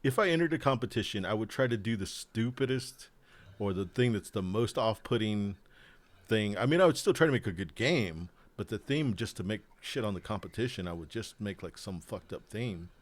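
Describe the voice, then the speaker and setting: A man's voice: on the low side, expressive, a little fast. A man co-hosting a casual chat about board games, joking and laughing often, trailing off mid-thought. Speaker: co-host, board game designer.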